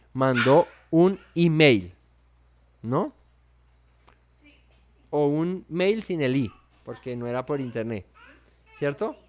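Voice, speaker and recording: A man teaches a verse-by-verse Bible study. His voice is clear and smooth and sits a little high. He keeps it playful, slipping into comic voices for the characters.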